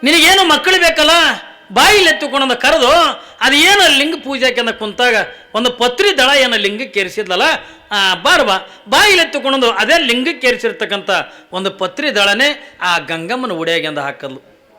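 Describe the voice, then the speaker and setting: Saintly holy woman, played by a man preacher, soothing, reassuring, bright voice. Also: fairly high pitch, expressive, normal speed.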